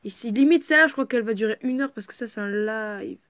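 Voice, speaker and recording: Brief: woman, slightly high voice, casual fan-story reading at home, chatty and excitable, swears a lot. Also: fast talker. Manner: excitable, swears freely, breaks off to joke and shout. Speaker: reader of a fan fiction.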